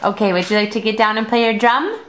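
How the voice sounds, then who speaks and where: A woman's voice: a little high, fast, fairly bright tone, slight background noise. A woman talking playfully and encouragingly to a toddler, as if going through a picture book, on an amateur home video. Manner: encouraging, praising, child-directed. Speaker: parent quizzing a toddler.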